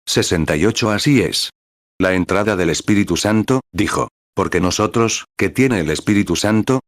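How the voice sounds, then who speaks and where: A man with a fairly low voice reads a sermon aloud in a steady, measured manner. The recording is dry and close, with almost no room sound around him. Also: dry recording. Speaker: sermon reader. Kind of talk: reading a translated sermon aloud.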